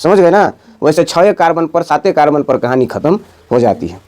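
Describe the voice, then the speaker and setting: A male teacher from India giving a classroom chemistry lesson, asking "got it?" over and over and chanting lists slowly. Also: a little high, big pitch swings, darkish tone. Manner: repetitive, quizzing students with "समझ गए?".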